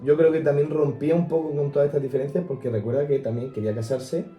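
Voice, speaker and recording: Mellow-voiced young man, far from the mic. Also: a little high, fairly even intonation, fast talker, reverberant, faint music behind. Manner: hesitant, searching for words with fillers. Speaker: podcast co-host. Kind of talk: casual chat about music history.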